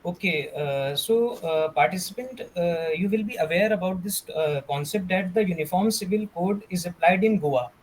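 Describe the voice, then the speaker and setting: High-voiced Indian man, formal questioner. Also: moderate pace, hardly any pauses, slight background noise, low-quality recording. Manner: hesitant, formal, polite questioning. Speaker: competition judge asking questions.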